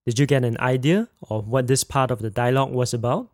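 A man teaching a language lesson in a clear, explanatory scripted narration, saying example phrases slowly. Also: mid-range voice, a little mellow, dry recording, studio quality.

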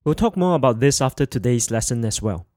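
A man hosts a podcast language lesson, pausing to repeat each word slowly so learners can follow. His voice sits at an ordinary middle pitch. It is recorded dry on a close microphone. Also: animated, mellow, no room sound. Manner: slow, clear, repeats words for learners. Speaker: Mandarin teacher.

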